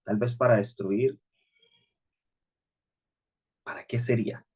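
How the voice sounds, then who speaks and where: A man's voice: medium pitch, fairly even intonation, slow pace, a little mellow, husky. A male pastor, preaching a sermon in an earnest, conversational way with frequent restarts.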